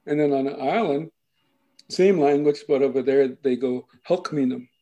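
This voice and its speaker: A man giving a slow, patient explanation of his people's dialects and lands, often checking in with the listener. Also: mid-range voice, steady tone, mellow, lo-fi sound. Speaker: language and culture speaker. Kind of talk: explanatory talk.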